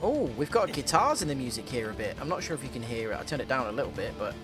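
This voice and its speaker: A man's voice: mid-range voice, big pitch swings, fast. A man from Britain giving chatty, joking let's-play commentary. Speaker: streamer. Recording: commentary over game music.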